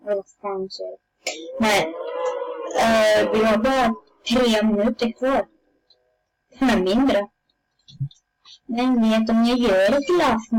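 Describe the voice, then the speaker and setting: A woman giving casual gameplay commentary, playful and excitable, with sudden yelps and silly sing-song bits. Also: mid-range voice, slight background noise, poor audio. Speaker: gameplay video maker.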